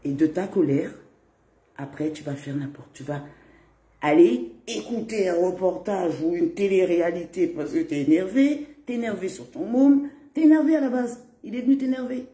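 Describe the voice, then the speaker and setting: A man's voice: high voice, moderate pace, warm tone. A man chatting to viewers in a casual live-stream monologue, rambling and laughing often. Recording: roomy echo.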